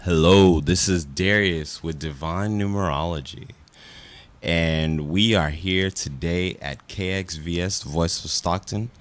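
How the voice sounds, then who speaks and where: A young man hosting a casual radio talk show from a studio, rambling with lots of fillers. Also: low voice. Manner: rambling, friendly, many fillers.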